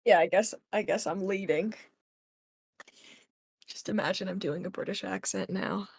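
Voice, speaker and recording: A woman playing a tabletop game, chatting casually with wry, deadpan jokes. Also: medium pitch, normal speed, gravelly, husky, no room sound. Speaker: player.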